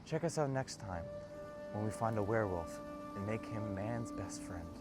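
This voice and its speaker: A man's voice: on the low side, lively intonation, normal speed, loud music behind the voice, close to an everyday voice. A young man playing a solemn monster-befriending presenter in a parody TV promo. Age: young adult.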